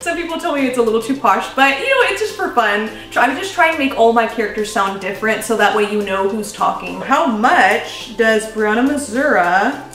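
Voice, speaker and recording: A woman's voice: on the high side, expressive, fast talker, few pauses, fairly bright tone. A young woman in her twenties answering fan questions at home in a bubbly, giggly way, full of "like" and "um". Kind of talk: casual Q&A vlog. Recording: roomy echo from away from the mic, faint music.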